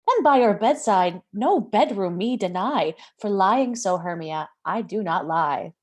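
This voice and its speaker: An ardent young male lover, read by a woman in an amateur Shakespeare read-through. The verse comes slowly and earnestly, at a middling pitch. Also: lively intonation, a little mellow. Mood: tender. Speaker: amateur reader in an online play reading.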